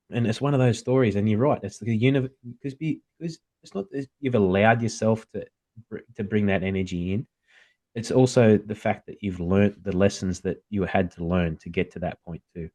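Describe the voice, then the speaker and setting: Lively Australian man, low and dry. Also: no room sound. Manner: animated, supportive, acts out remembered talk. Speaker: podcast co-host. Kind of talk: casual chat.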